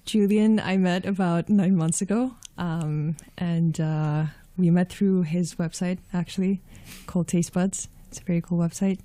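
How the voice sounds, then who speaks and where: A woman's voice: lowish voice, fairly even intonation, unhurried, few pauses, dark tone, dry recording. A young woman from Russia, raised in Spain, with an American accent, a singer-songwriter chatting in a friendly way on a radio show. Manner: friendly, laughs easily. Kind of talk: casual radio interview. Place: radio studio.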